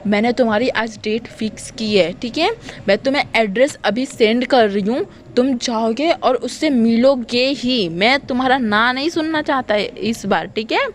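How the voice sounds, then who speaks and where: A woman's voice: fairly high pitch, normal speed, a little hiss or hum, lightly acted. A woman voicing a stubborn mother who pushes her son into marriage, speaking bossily and emphatically. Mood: bossy. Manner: bossy, emphatic.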